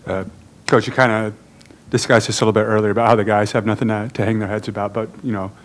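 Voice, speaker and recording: A male reporter with a slightly low voice who talks quickly and flatly through a long, winding question. Faint room noise sits behind him. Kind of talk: press conference question.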